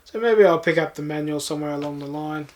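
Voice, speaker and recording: A man's voice: a little high, quick pace. A man hosting a game collecting video, chatting casually in an understated, unscripted way. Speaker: host of game collecting channel. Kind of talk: casual chat to viewers.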